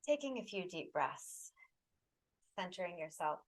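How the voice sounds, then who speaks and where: A woman with a fairly low voice leads a guided meditation, delivering soothing, unhurried instructions in short, pause-separated phrases. Her delivery is very animated.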